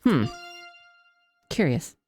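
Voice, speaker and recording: A woman's voice: very slow, darkish tone, faint music behind. A woman game streamer reading visual novel narration aloud and adding casual commentary.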